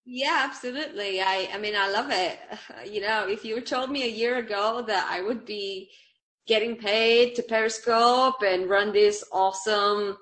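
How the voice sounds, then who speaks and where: Speaking unhurriedly at medium pitch, this Bulgarian-accented woman has a slightly bright voice. She's an online community manager in a relaxed interview, bubbly and frequently laughing between filler words.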